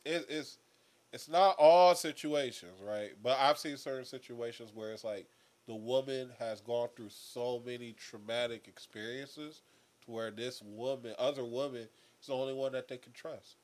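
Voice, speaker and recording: A man's voice: mid-range voice, moderate pace, darkish tone. Earnest man thinking aloud on a podcast. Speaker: podcast co-host. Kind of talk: casual podcast chat.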